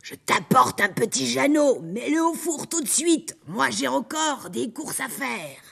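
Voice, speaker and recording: A woman voicing a wicked old ogress in a children's story, with a hoarse, cracked voice that calls out long and loud. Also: high-pitched, sing-song, a little slow, voice pushed up, full character voice. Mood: bossy. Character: wicked old female forest ogress, grasping. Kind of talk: storybook character voice.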